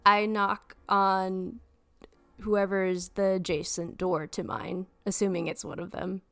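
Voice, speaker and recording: A woman's voice: mid-range voice, level tone, a little slow, vocal fry, fairly bright tone, no echo. A woman playing a tabletop game, speaking casually and amused. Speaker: player.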